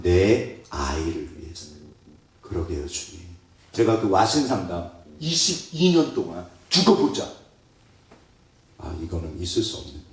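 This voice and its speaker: A male pastor preaches with a lively, swooping delivery, putting questions to his congregation and acting out little prayers. His voice booms around a very echoey church hall, picked up from well away from the mic. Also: moderate pace, far from the mic. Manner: animated, asks the congregation questions and acts out prayers and quotes. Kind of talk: sermon. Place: church sanctuary.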